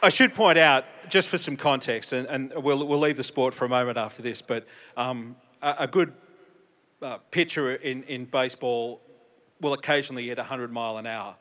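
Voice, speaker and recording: A man's voice: mid-range voice, normal speed, fairly bright tone. A man hosting an on-stage interview, joking and playing to the crowd. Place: convention stage.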